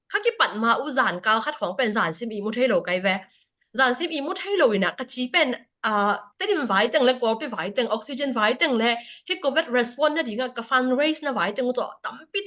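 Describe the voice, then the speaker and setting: A woman's voice: on the high side, bright, forceful tone. A woman speaking at a church prayer fellowship service, giving a spoken report to the congregation with frequent hesitation fillers.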